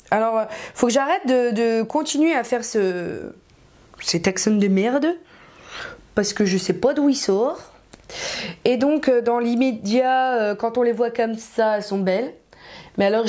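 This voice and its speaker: A woman's voice: medium pitch, a little mellow. A young woman casually reviewing cheap earrings in a chatty, frank way, full of fillers and slang. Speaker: beauty vlogger.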